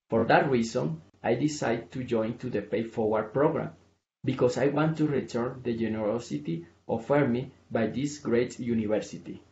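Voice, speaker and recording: A man from Colombia gives an earnest, slightly halting prepared speech. His voice is mellow and dark, in a roomy, dull-sounding recording. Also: mid-range voice. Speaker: graduate and donor.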